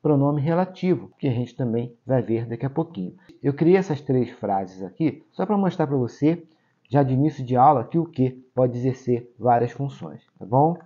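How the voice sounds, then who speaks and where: A man's voice: mid-range voice, expressive, moderate pace, warm tone, breathy edge. A man, teaching a grammar lesson for exam prep, explaining step by step and checking in with tag questions. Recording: dull lo-fi sound.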